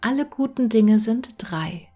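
A woman's voice: a little high, expressive, measured pace, dark tone, soft background music. A woman voicing a greedy, sly female cat in a fairy-tale reading, speaking in a smug, often half-whispered way. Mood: coaxing. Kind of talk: storybook reading.

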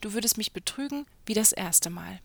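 A woman voicing a bold, clever young man who talks calmly and without fear in a storybook tale. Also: mid-range voice, moderate pace, creaky, dry recording. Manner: calm, bold. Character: fearless clever young male student, son.

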